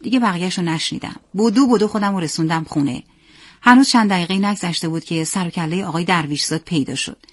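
A woman narrating a story in a steady, plain reading voice. Her pitch sits in the middle for a woman, and she keeps an even storytelling pace. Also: no room sound, studio quality.

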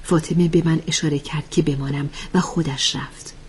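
A woman narrating a story softly and in a hushed voice. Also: deep voice, steady tone, a little hiss or hum. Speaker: audiobook narrator.

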